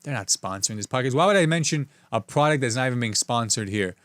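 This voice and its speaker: A man's voice: medium pitch, lively intonation, quick pace, fairly bright tone, no room sound, studio quality. A young man hosting a solo podcast, riffing on the week's news with sarcastic, rambling jokes and asides. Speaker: podcast host. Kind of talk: solo comedic news commentary.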